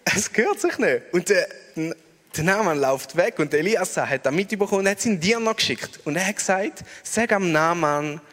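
A man with a Swiss German accent who preaches by retelling a story in a chatty, animated way. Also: sits high, a little fast, long reverb tail. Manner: animated, chatty, laughs at his own story. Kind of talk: storytelling sermon.

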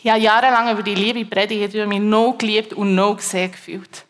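This is a woman preacher, Swiss German accent, recounting her own faith story to a congregation in a halting, emotional way, often repeating herself. She has a mid-range voice and a flat delivery.

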